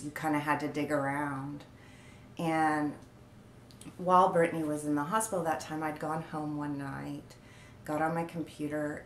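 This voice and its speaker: A woman in her forties telling a personal family story to her channel, halting with many pauses and fillers. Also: deep voice, reverberant, slight background noise. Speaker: vlogger. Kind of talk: personal story told on camera.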